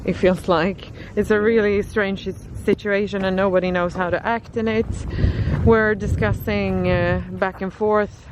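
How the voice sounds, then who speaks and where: A woman in her thirties talking casually for a vlog, haltingly, as if thinking aloud. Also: medium pitch. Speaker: vlogger, travelling parent. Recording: steady background noise, vehicle-like ambience.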